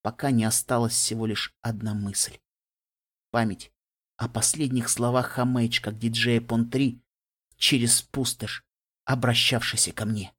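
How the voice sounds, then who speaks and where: A man narrating a first-person fan audiobook in an emotional way, swinging between hushed and urgent. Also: mid-range voice, level tone, measured pace, slightly rough.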